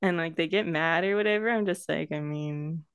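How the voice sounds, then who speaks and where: A woman's voice: sits low, moderate pace, smooth, no echo, studio quality. A young woman co-hosting a casual chat podcast, talking in a chatty, easygoing way full of "like" fillers. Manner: chatty, soft-spoken, many "like" fillers. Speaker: podcast co-host.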